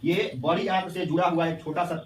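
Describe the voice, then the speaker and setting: Man, teacher, rapid call-and-response lecture, fairly high voice, echoey room, distant mic. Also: fairly even intonation, slight background noise. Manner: quizzing students with repeated questions. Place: classroom.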